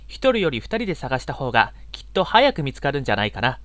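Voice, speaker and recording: A man playing a gentle, easily exasperated young male unicorn in an audio drama role-play, with a polite, boyish, flustered manner. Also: mid-range voice, very animated, fast, no echo. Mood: friendly, courteous.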